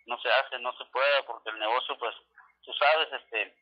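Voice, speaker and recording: Over a dull, lo-fi telephone line, a man with a northern Mexican accent chats in slangy, casual fashion. His mid-range voice is fairly even and breathy-edged at normal speed, and he hedges evasively as he talks.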